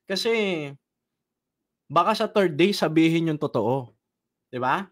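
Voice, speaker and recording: A man's voice: fairly high pitch, lively intonation, unhurried. A man leading an online training session, telling a story, asking the audience questions and laughing at his own tale.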